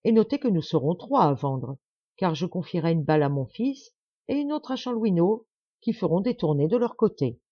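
A woman's voice: lowish voice, lively intonation, moderate pace, breathy edge, no echo, highs cut off. A woman reading the part of a proud, stubborn middle-aged man who talks with insistent, forced cheer. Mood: satisfied.

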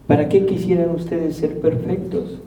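A man's voice: on the high side, steady tone, normal speed, a crowd in the background. A man preaching in a humorous, conversational way, asking the audience questions as he goes. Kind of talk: sermon with audience interaction. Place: large room with live audience. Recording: roomy hall, mic at a distance.

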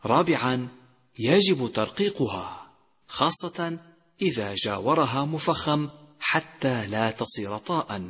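Slow-spoken man teaching recitation, reverberant. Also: mid-range voice, lively intonation, a bit bright, slightly rough. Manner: slow and deliberate, stretching and chanting the example words. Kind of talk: tajweed lesson with recited examples.

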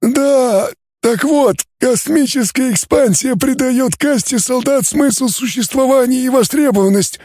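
A man doing a high gurgling alien. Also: unhurried, a little mellow, no echo, studio quality. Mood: coolly logical. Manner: gurgling, detached, formal. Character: gurgling male alien scholar, cold and calculating.

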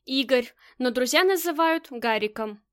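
A woman's voice: high voice, animated, normal speed, clean tone. A woman voicing a lovesick male businessman in an audiobook, pleading.

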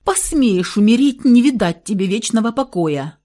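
A woman voicing a hot-tempered young woman who is frantic and stubborn, with shrill, hysterical outbursts, in an audiobook reading. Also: sing-song, moderate pace, dark tone. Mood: desperate.

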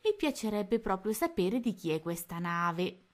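A woman's voice: medium pitch, very animated, unhurried. Woman voicing a small plucky storybook hero. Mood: musing. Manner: exclaiming.

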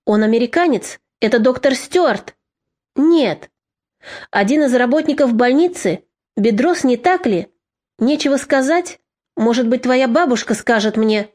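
A woman's voice: a little high, expressive, measured pace, darkish tone. A woman reading a harsh snapping mother. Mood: furious. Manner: curt, snapping. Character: bitter harsh mother, middle-aged woman.

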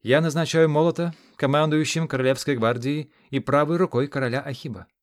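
A man's voice: on the high side, fairly even intonation, brisk, no echo, clean studio sound, pitched above the performer's own voice, natural voice. A man reading a commanding queen.

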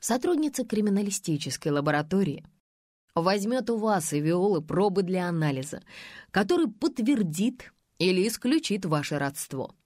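Woman reading a calm, formal male investigator. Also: mid-range voice, moderate pace, no echo, clean studio sound.

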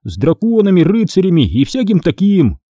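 A man's voice: high voice, wildly swooping pitch, normal speed, dark tone, no echo, clean studio sound, pitched above the performer's own voice, heavily acted. A man voicing an exasperated twelve-year-old boy arguing with his sister in an audiobook. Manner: exasperated, insistent. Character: indignant twelve-year-old boy who loves fantasy books. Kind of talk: audiobook character voice.

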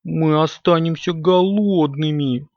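A man voicing a thoughtful, always hungry boy kitten who drawls slowly and whines, on a dull lo-fi recording. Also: fairly high pitch, very animated, dry recording, pitched above the performer's own voice. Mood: whiny. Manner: slow, whiny, dreamy.

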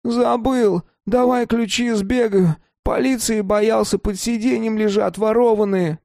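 A man voicing a reckless young male addict, a cocky hustler with a high, brash voice. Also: fairly even intonation, unhurried, vocal fry, darkish tone, dry recording, studio quality. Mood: pleading.

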